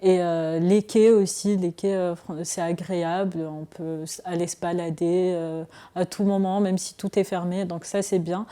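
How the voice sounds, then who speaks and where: A woman's voice: lowish voice, steady tone, normal speed, few pauses, mellow. A young woman student answering interview questions casually, hesitant with many fillers. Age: young adult.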